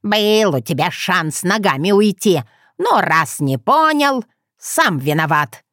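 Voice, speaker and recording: A woman voicing a sly, hunched ancient village witch woman who talks in a slow, creaky, mocking way. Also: fairly low pitch, big pitch swings, fairly bright tone, no echo, clean studio sound, exaggerated voice. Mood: scornful.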